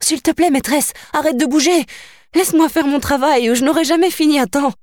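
A harried young seamstress, put on by a woman narrator pleads in a high, hurried voice. Her pitch sits well above the reader's own. The storybook recording is dry. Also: darkish tone, dry recording, close to an everyday voice. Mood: pleading.

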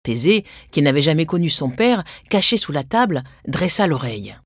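A woman reads a children's storybook aloud as scripted narration. Her pitch moves a lot and rises on dramatic words. The sound is dry and close, with no room around it. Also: very animated, moderate pace, husky, no echo.

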